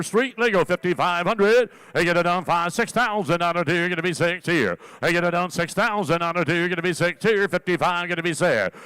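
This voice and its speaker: A man working as an auctioneer, calling bids in a rapid, rolling chant with repeated filler phrases between the numbers. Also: sits high, a bit bright, clear, resonant tone.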